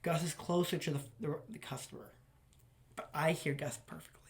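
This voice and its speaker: A man's voice: a little high, steady tone, normal speed. A man hosting a casual chat, rambling and restarting his sentences. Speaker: host.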